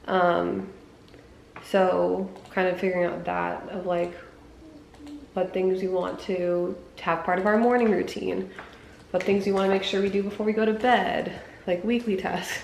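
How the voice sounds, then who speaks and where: A young woman chatting casually in a home vlog, her hoarse voice cutting in and out, rambling with lots of fillers. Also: mid-range voice, fairly even intonation, a little slow, a little mellow, slight background noise, low-quality recording. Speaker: vlogger.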